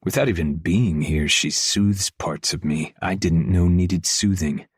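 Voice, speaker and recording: A man narrating a romance audiobook in first person, his voice very low and his delivery intimate and measured. He is recorded close to the mic in a dry, dead studio sound. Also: slightly rough, dry recording.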